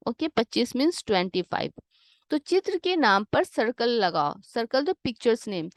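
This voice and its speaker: Patient teacher, woman, slightly high voice, dry close mic; asks and answers her own questions for kids. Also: no echo. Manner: mixes English glosses into her explanations. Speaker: Hindi teacher for children. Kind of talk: worksheet lesson voice-over.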